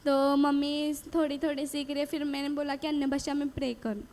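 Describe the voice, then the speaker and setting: A woman's voice: high voice, level tone, normal speed, darkish tone, a little hiss or hum. A woman giving a personal faith testimony at a retreat, telling her story earnestly, repeating phrases and acting out dialogue.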